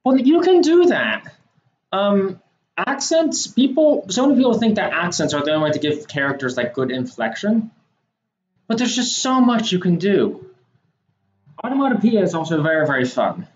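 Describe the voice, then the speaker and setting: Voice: mid-range voice, sing-song, normal speed. A streamer chatting casually while role-playing in a game, talking in a rambling, hesitant way with plenty of fillers. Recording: roomy, dull sound with soft music underneath. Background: game soundtrack music.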